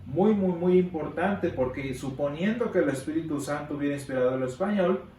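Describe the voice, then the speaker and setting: A man with a fairly high voice teaches a Sunday school Bible lesson, stressing points by repeating words and pausing on fillers. He sounds set back from the mic in an echoey hall. A faint hiss sits under him. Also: warm tone. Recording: echoey room from a distance, faint background noise.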